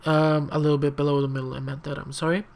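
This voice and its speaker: A young adult, not a native English speaker, rambles chattily through a casual screen-recorded tutorial, full of fillers and constant apologies. The voice is mid-range, level, and a little mellow, with vocal fry and a fast pace. Frank, slightly sassy asides pop up throughout.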